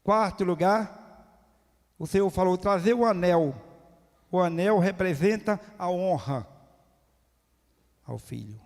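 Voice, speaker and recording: A high-pitched male preacher delivers a sermon. He is emphatic and builds toward near-shouting at his peaks, leaning on rhetorical questions. His voice trails off into the long reverb of a church hall. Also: slow, creaky, pauses often.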